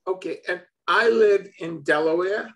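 Speaking from his home office over a video call, this Brooklyn, New York man in his seventies hosts a relaxed conversation and keeps breaking into chuckles. He sounds high-pitched and fairly bright at a moderate pace.

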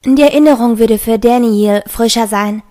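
A woman narrating a fantasy novel in an even, steady reading. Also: fairly high pitch, moderate pace. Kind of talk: audiobook reading.

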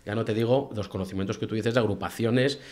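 A fast-talking man with a Castilian Spanish accent and a slightly low voice in casual podcast conversation. He tells things vividly, voicing other people's remarks and dropping in mild swear words, close on a studio microphone. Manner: animated storytelling with acted-out quotes and mild swearing. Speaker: podcast guest, hunting professional. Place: small indoor podcast studio. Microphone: close boom-arm studio microphone.

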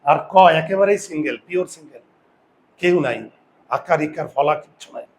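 A man teaching a grammar lesson, asking students rhetorical questions and slowly stressing and repeating key words, with confident asides. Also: on the high side, animated, a little hiss or hum. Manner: addresses students directly with frequent rhetorical questions. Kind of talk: classroom-style video lesson.

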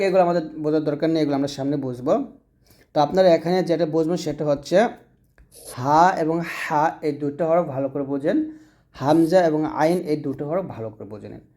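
A man's voice: a little high, mellow. A man teaching Quran reading, patiently explaining how each letter is pronounced and repeating the points step by step. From Bangladesh. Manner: patient, repetitive explanation with drawn-out letter demonstrations. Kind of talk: lesson.

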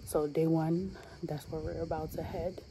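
On a sunny villa terrace up a hillside, a young travel vlogger speaks casually into her phone camera at arm's length, her low voice losing strength and going hoarse. She keeps a level tone and a slightly slow pace, chatting away with plenty of y'all and like. The background is noisy.

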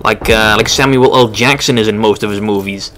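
A man's voice: fairly low pitch, fairly even intonation, fairly quick, a bit bright, a little hiss or hum. A man giving casual, wry commentary as he plays a video game. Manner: offhand, wry. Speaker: let's play commentator. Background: game music.

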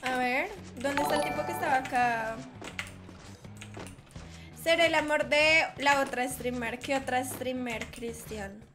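A woman's voice: sits high, a little slow, over music. A woman streaming a game live, teasing and chatting playfully with her viewers.

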